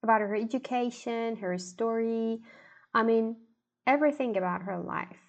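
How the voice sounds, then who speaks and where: Upbeat woman host, high voice. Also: normal speed. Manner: upbeat, addresses listener directly with questions. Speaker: podcast host. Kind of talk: scripted podcast narration.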